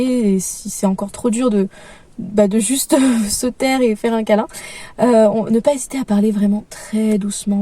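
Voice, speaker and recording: A young adult woman giving parenting advice in a calm, gentle way, with frequent hesitations. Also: on the high side, no echo, far from the mic. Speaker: parenting vlogger. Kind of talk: casual advice talk.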